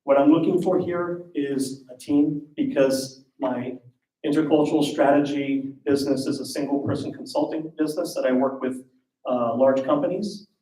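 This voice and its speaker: Man pitching from far off in an echoey hall. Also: fairly even intonation, moderate pace, mellow. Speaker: intercultural communication strategist. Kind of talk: startup pitch talk.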